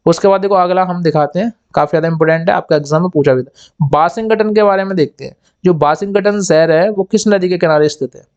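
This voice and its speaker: Male exam tutor, high voice, repeats and quizzes himself, slightly dull lo-fi audio. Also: fast talker, darkish tone. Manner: repetitive, asks and answers own questions; acts out little scenes in quoted voices. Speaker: exam coaching teacher. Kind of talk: explaining memory tricks.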